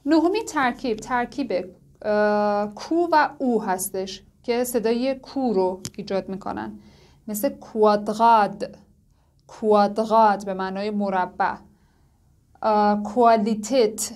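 A woman teaching a language lesson. She says the example words slowly and drawn out, then explains each one at a quicker pace. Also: mid-range voice, darkish tone. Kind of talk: lesson narration.

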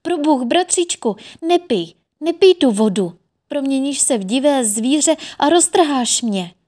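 A woman's voice: expressive, a little mellow. Woman doing a frightened little sister pleading. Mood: pleading, alarmed. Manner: high, urgent pleading.

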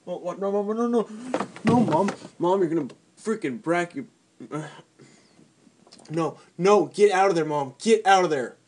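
Man, mellow voice, sleep talking in disjointed repeated bursts, slightly noisy recording. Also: high voice, a little slow. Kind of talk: unconscious sleep talk. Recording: noisy home recording with clicks.

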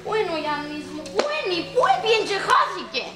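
A woman's voice: very high-pitched, sing-song, roomy sound, very noisy. A woman in sitcom dialogue, flirty and dramatic. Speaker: sitcom actress.

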